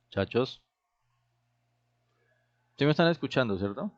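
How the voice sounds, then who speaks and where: A man's voice: medium pitch, expressive, a little slow. A man teaching a programming class, explaining step by step and often checking that the students follow. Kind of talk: classroom lecture. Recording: dull, lo-fi recorded class.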